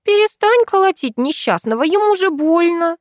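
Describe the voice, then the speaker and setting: A woman narrator puts on a gentle, kind-hearted friend who pleads softly and fusses over everyone, pitched well above her narrating voice. The recording is dry and up close. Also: animated, moderate pace, dry recording. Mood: fussing. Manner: soft, pleading, caring. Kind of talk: audiobook dialogue reading.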